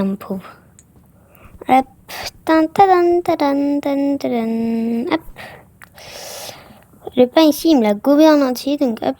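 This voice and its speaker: A woman's voice: sits high, warm tone, dry recording. A woman casually commenting on a game she plays for viewers, chatty and full of exclamations and filler words. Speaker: gaming vlogger.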